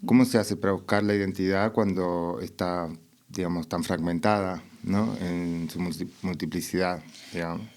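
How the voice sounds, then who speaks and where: Man, very low pitch, podcast host, rambling questions, filler words. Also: steady tone, normal speed, a little mellow. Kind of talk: interview.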